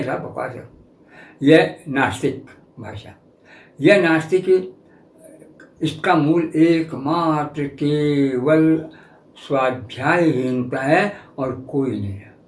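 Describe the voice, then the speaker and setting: Older male lecturer, slightly high voice, measured and explanatory, echoey room. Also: a little mellow. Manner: measured, explanatory, poses rhetorical questions. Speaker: professor lecturing on scripture. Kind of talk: spiritual lecture.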